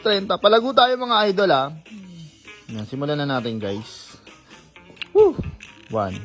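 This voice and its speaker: An online casino streamer giving casual commentary on a slot game, counting spins aloud and bursting into excited exclamations. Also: mid-range voice.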